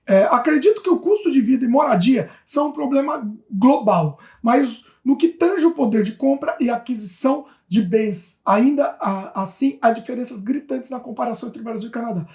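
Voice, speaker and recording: Casting note: woman from Brazil, co-host, higher pitch, chatty comment reader, roomy echo. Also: moderate pace, hardly any pauses. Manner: lively, reads comments aloud, chatty asides. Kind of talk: casual chat reading viewer comments. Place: home in Canada.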